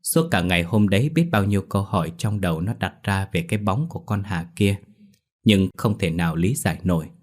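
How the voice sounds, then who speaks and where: A man narrating a scripted horror story in a measured, atmospheric way. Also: deep voice, lively intonation. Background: faint music.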